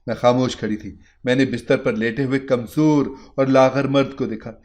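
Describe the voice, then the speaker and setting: A man reading a first-person moral story in a steady, earnest narration. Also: mid-range voice.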